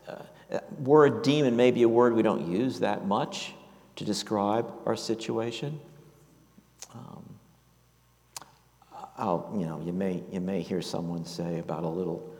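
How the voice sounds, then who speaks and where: Low-voiced pastor preaching in a reverberant hall. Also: male voice, creaky, darkish tone. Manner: halting, with many fillers and restarts. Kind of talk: sermon. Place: church.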